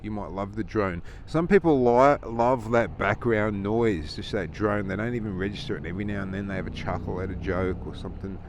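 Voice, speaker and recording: A man's voice: lowish voice, fairly quick, hardly any pauses. A man talking from inside a motorcycle helmet in a casual, rambling, opinionated rant, as a motovlogger. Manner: opinionated, chuckling, conversational. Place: inside a helmet while riding a motorcycle outdoors. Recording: inside motorcycle helmet, engine and traffic noise.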